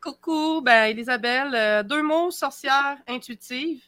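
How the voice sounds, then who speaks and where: A woman's voice: high-pitched, measured pace, fairly bright tone, no room sound. A woman from Quebec with a Québécois accent, a guest chatting casually with friends on a podcast over a video call. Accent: Québécois French. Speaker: podcast guest, intuitive witch. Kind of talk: casual group chat.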